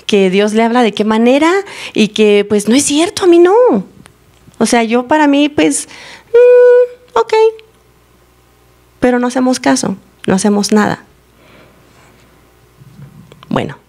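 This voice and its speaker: A woman giving a teaching and testimony to her congregation, telling her story with lively acted-out dialogue. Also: mid-range voice. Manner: animated storytelling, acting out dialogue. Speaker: church member giving a teaching. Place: church service, recorded live.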